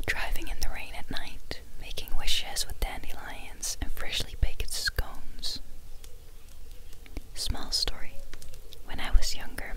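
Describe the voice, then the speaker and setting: An ASMR host of unclear sex reading listener submissions in an unvoiced, breathy whisper, with a gentle, unhurried, soothing delivery.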